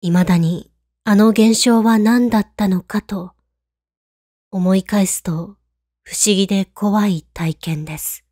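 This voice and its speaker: A woman reading a scripted horror story in a hushed, calm, creepy storytelling manner. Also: mid-range voice, slow, no room sound, clean studio sound. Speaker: ghost story narrator.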